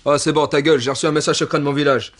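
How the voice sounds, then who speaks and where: A man playing a hot-tempered, petty, hysterical grown man who rants, hurls insults and breaks into shouts, in an amateur comedy sketch. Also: a little high, steady tone, racing, close to an everyday voice. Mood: furious ranting.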